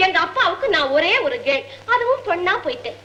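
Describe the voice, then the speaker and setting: An actress playing a playful young daughter in love, coy and teasing. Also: female voice, very high-pitched, sing-song, brisk, pushed and bright, muffled recording, a little hiss or hum, full character voice. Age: young adult. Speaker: comic film heroine.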